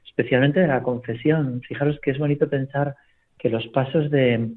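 Priest, radio guest by phone line, mid-pitched, storytelling, leans on "¿no?". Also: male voice. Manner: storytelling, constant tag question "¿no?". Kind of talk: reflective spiritual talk on radio.

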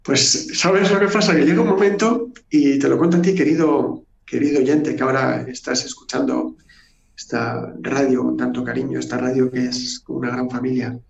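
A priest telling a lively story on a radio interview. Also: male voice, medium pitch, normal speed, creaky, reverberant. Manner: animated anecdotal storytelling. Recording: dull lo-fi audio.

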